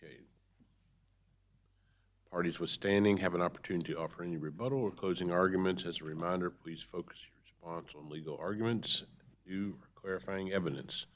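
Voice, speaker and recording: A man's voice: deep voice, brisk, a little hiss or hum. A man chairing a public board meeting, moving through formal procedure with informal asides.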